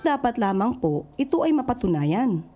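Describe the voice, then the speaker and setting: A woman giving a polite, measured press statement as a government spokesperson. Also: fairly high pitch, big pitch swings, narrow, tinny audio, faint music behind.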